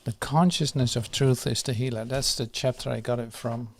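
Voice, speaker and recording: A man guiding a meditation and slowly reading a prayer, soft and unhurried, with pauses and fillers. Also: mid-range voice, fairly even intonation, gravelly, background noise. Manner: reads the prayer slowly and firmly. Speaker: meditation guide. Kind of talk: guided meditation.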